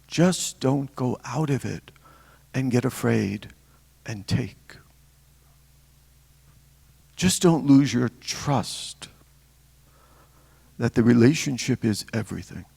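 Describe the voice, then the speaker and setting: An older man, a deacon, giving a reflective spiritual talk with storytelling and pauses between phrases. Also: medium pitch, expressive, gravelly, darkish tone, husky. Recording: long hall reverb.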